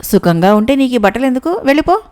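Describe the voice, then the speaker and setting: A woman's voice: high voice, sing-song, quick pace, darkish tone. A woman voicing a foolish, whimsical, short-tempered male king who gives bossy commands in a storybook. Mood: angry.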